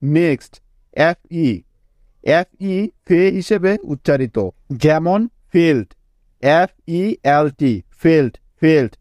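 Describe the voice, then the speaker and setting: A man with a Bangladeshi accent teaching English phonics, spelling words letter by letter, repeating each one slowly and checking in with his students often. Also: on the high side, a little mellow, no room sound.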